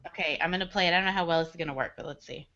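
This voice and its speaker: A woman co-hosts a casual book club podcast and leads the book discussion, speaking bluntly, sharing strong opinions, and swearing casually. Her voice is lowish and rapid-fire, the highs are cut off, and there's crowd noise.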